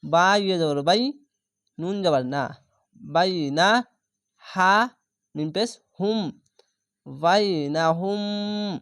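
Man, slow spelling-out recitation lesson, patient drilling voice, higher pitch, dry close sound. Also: fairly bright tone, dry recording. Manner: patient, repeats syllables and drills pronunciation. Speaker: Quran reading teacher.

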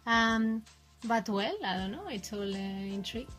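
A woman's voice: a little high, normal speed, a bit bright, faint music behind, poor audio. A woman co-hosting a podcast in casual chat, talking with hesitant trailing phrases and laughing easily. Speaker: podcast co-host.

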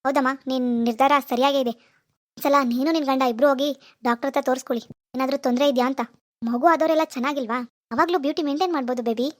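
A conspiratorial, doting cartoon mother voiced by a woman. She talks in a high voice at a rapid clip and coaxes her daughter along. The sound is dry and close-miked. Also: fairly even intonation, no echo, natural voice. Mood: advising. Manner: coaxing, conspiratorial. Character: doting, scheming middle-aged mother. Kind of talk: cartoon voice acting.

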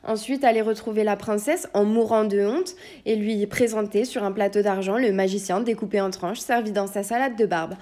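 A woman voicing a furious, panicky knight who shouts in outrage, in a storybook reading. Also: medium pitch, fairly even intonation, moderate pace, natural voice. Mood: raging.

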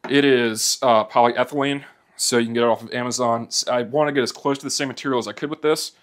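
In an indoor workshop, a man demonstrating motorcycle repair narrates a plastic welding fix while he works. He's easygoing and plainspoken, with a mid-range voice, fairly even intonation and a quick pace.

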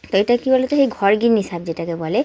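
A woman's voice: medium pitch, rapid-fire, dark tone. A woman with a West Bengal accent chatting casually to viewers as a home vlogger, often asking them questions. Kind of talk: casual chat to viewers while doing household chores. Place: at home, mostly in the kitchen.

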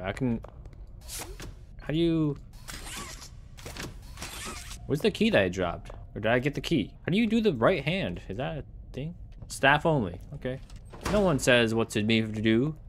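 A man's voice: mid-range voice, a little hiss or hum. A young man casually talking through a horror game, reading signs aloud and reacting with startled outbursts. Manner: chatty, reacts with startled exclamations. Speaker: gaming channel host. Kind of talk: horror game let's play commentary.

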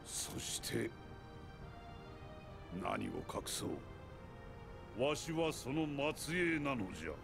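A gravelly, solemn old king. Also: medium pitch, sing-song, slow pace, long pauses, full character voice. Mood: solemn, regretful. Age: older. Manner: grave, archaic old-man speech. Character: big old bearded king, solemn, sworn guardian. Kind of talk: video game voice acting. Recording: music playing behind the voice.

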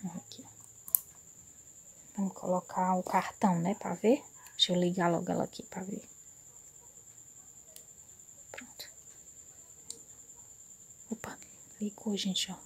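A woman, chatting excitedly as she unboxes something in a casual home vlog on her phone, often dropping to a murmur. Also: lowish voice, a little slow, gravelly, pauses often, breathy edge. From Northeast Brazil. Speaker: vlogger. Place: indoors, on a bed at home. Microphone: phone camera.

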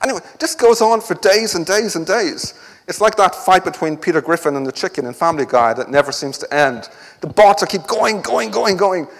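A man's voice: sits high, lively intonation, fairly quick, in a large hall. A man giving an academic conference talk with a wry, joking delivery. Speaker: conference speaker. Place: lecture hall.

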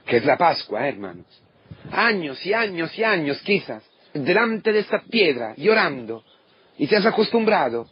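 A man preaching an impassioned sermon as a priest, swinging from loud declarations to hushed asides. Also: on the high side, breathy edge. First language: Italian. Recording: dull lo-fi recording with faint noise.

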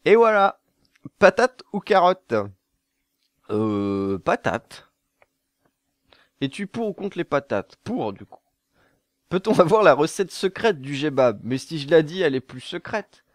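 A man's voice: a little high, very animated, unhurried, no echo, studio quality. A young man from southern France answering viewer questions to camera in a casual, jokey way, laughing at his own jokes and stumbling over fillers.

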